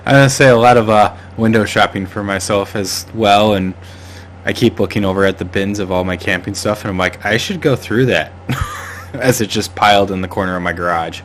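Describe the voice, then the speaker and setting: Low-voiced man hosting a casual podcast. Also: steady tone, fairly quick, a little hiss or hum. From northern United States. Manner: joking, laughs easily. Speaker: podcast host.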